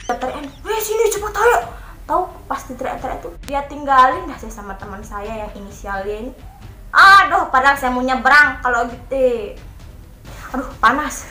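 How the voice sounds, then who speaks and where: A young vlogger from Lombok, Indonesia, casually tells her audience a story, animatedly acting out the voices of the people in it. Her voice sits high and moves at normal speed, recorded on a phone camera in an echoey room.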